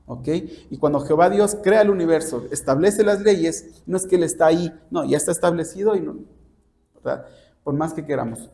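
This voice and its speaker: This church preacher and Bible teacher, a native Spanish speaker, has a fairly high, mellow, creaky voice and talks fairly quickly. He delivers an expository sermon as a lesson, teaching in a didactic way and often asking questions to check understanding.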